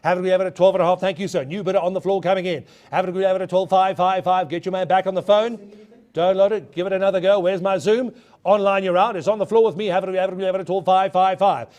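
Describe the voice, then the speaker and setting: A man's voice: sits high, fairly even intonation, fast, a little mellow. A man working as a live auctioneer, calling bids in a repetitive, emphatic chant. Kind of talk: live auction bid calling and lot presenting. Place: auction studio with bidders on the floor.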